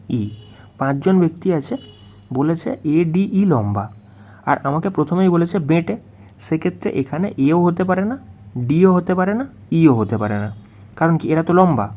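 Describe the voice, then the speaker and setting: A man with a slightly high voice works through exam questions as a tutor. He explains each step and keeps asking the student what comes next. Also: mellow. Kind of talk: worked-solution lesson.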